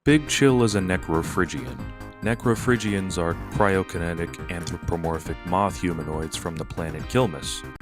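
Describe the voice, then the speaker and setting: Low-voiced guy reading a scripted video essay, pompous on purpose, faint music behind. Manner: deliberately pompous, mocking. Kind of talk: scripted narration.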